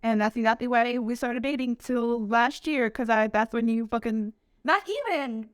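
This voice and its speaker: A woman's voice: on the high side, normal speed, smooth, no room sound, studio quality. A young woman co-hosting a podcast, blunt, profane and argumentative in casual chat. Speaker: podcast co-host.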